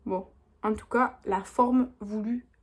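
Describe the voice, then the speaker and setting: A woman's voice: medium pitch, steady tone, takes it slowly, a little mellow. A young woman, chatting casually through a makeup tutorial as she works. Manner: chatty, talks while working, lots of little "hop"s. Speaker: beauty vlogger.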